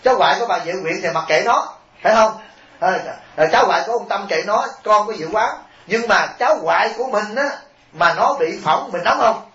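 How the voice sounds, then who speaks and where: High-voiced man preaching in a roomy hall. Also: fast. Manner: lively, addresses listeners directly with rhetorical questions. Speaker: Buddhist monk giving a dharma talk. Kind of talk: storytelling sermon. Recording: roomy, dull lo-fi recording with faint hiss.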